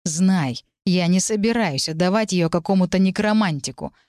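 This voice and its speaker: Female reader doing a jealous, hot-headed young male mage, heated and sharp, dry close sound. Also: on the low side, moderate pace, no echo, close to an everyday voice. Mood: angry, sneering. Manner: snapping, heated, raised tone.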